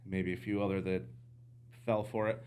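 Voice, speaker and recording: A man, an outdoorsman from the United States, telling hunting stories as a podcast guest in casual, animated chat. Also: low voice, moderate pace, clean tone. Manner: animated storyteller, jumps into quoted voices.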